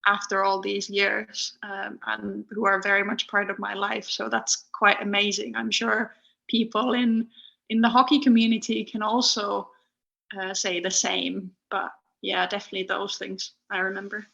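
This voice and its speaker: A young woman from Finland, a podcast guest speaking casually over an internet call, pausing often with ums. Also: medium pitch, flat delivery, creaky, bright, forceful tone. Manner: hesitant, many ums and restarts. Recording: muffled internet call audio.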